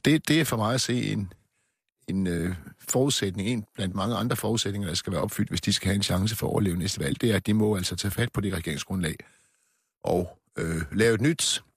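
A man giving measured, analytical political commentary on a panel. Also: on the low side, slightly rough, no echo, studio quality. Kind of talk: panel discussion.

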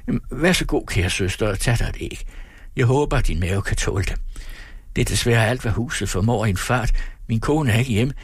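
A man's voice: mid-range voice, expressive, slightly rough, no echo, studio quality, pitched above the performer's own voice. A man voicing a fussy, anxious middle-aged man who fawns over his sister and stammers when flustered.

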